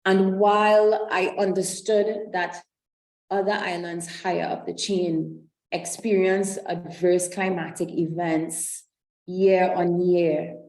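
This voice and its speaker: Woman webinar presenter from Trinidad and Tobago, low and slightly gravelly, on a video call from a roomy space. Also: level tone, takes it slowly, darkish tone. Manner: explanatory, with frequent um and self-corrections. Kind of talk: online presentation walking through slides.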